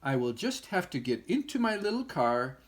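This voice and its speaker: A man's voice: fairly high pitch, big pitch swings, moderate pace. An older man with a grandpa voice voicing a timid, lonely, polite little male mouse in a storybook. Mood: earnest.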